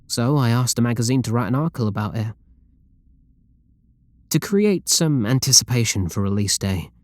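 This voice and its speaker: Fervent and confiding, a British-accented man plays a lovestruck game developer, obsessive, possessive, doting and controlling, in an intimate roleplay audio drama full of pleading endearments. His medium-pitched voice is animated, natural and a little mellow, at a moderate pace, on a dry recording.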